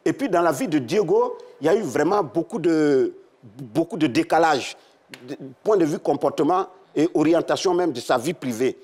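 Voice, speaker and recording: A man's voice: fairly high pitch, animated, normal speed, darkish tone, breathy edge. A man, a talkative studio guest chatting and laughing on a football show. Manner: talkative, laughs as he tells stories. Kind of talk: casual studio chat.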